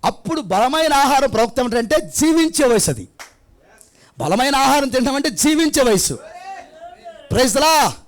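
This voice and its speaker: A man's voice: extremely high pitch, expressive, a little fast. A man preaching a sermon, asking rhetorical questions and acting out little scenes. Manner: conversational preaching, rhetorical questions, acts out child and grandfather. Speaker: pastor. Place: church prayer hall.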